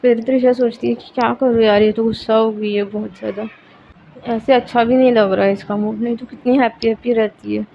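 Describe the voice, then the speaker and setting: A woman tells a romance story in a casual, chatty way, in a fairly high voice. The recording is dull and lo-fi, with a faint hiss underneath. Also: steady tone, fairly quick, gravelly. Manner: chatty, linking with "so then".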